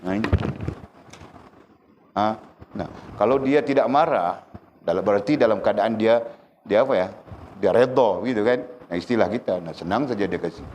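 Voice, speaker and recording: A man giving a religious lecture, animated and often checking his listeners with quick rhetorical questions. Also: lowish voice, a little hiss or hum. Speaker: religious teacher.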